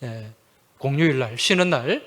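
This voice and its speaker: A man preaching a Sunday sermon as pastor. He talks conversationally, asks his listeners questions and keeps affirming with a quick "yes". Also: medium pitch, lively intonation, a bit bright. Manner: conversational, uses humorous anecdotes.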